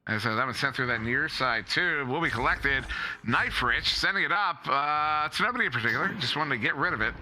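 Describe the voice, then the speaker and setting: A man's voice: mid-range voice, expressive, a little fast, sharp tone, a little hiss or hum. A man doing live play-by-play esports commentary, chatty and joking, with lots of fillers.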